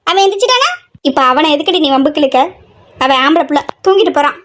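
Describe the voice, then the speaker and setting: A woman's voice: high voice, lively intonation, fast, fairly bright tone. A woman playing a nagging middle-aged mother in a family comedy skit, scolding and complaining nonstop.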